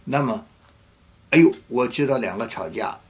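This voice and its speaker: A man's voice: medium pitch, normal speed, slightly rough. A man, a pastor, preaching a sermon and telling a story vividly, acting out the voices of the people he quotes.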